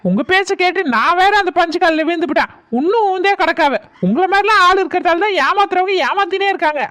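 High-voiced scolding woman. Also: fast talker, a bit bright. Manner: teasing, scolding. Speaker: comedy sketch performer. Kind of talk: village comedy skit acting.

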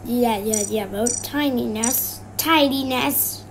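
Woman gaming host, excitable and jumpy, talks slowly between outbursts; noisy track with clicks. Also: fairly high pitch. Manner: excitable, yelps and exclaims in surprise. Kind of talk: live gameplay commentary.

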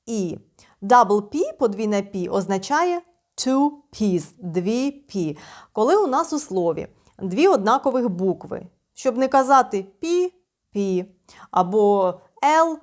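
Slow, lively-voiced woman teaching English. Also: medium pitch. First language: Ukrainian. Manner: reads English phrases, then translates and explains them step by step. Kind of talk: slow explanatory language lesson.

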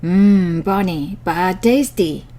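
A woman voicing a greedy, croaky male wolf in a storybook read-aloud. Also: on the low side, slow, warm tone. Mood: gloating. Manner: croaky, snarling.

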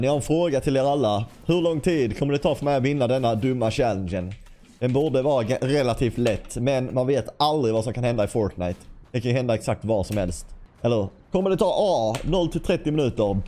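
A man's voice: mid-range voice, mellow. A man giving casual gameplay commentary as a gaming YouTuber, chatty, swearing lightly and talking straight to his viewers. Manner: bursts into playful scatting and sound effects.

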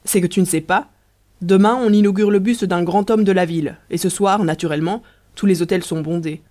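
A reader voicing Riquet, a tender, rueful young man in love, in an audiobook, speaking gently and plaintively in a mellow voice. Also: medium pitch, steady tone, a little fast, natural voice. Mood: dépité.

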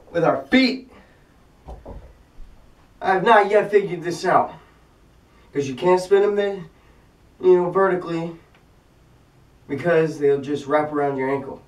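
Young man vlogging, roomy and distant. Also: a little high. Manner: frustrated, swearing, talking to himself while attempting a trick. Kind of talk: casual vlog commentary. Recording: roomy, distant camera sound.

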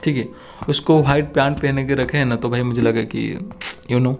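A man's voice: medium pitch, steady tone, normal speed, vocal fry, background noise. A young man giving crude, jokey horror game commentary, swearing often and muttering nervously. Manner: jumpy, frightened mutters. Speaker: gaming channel host.

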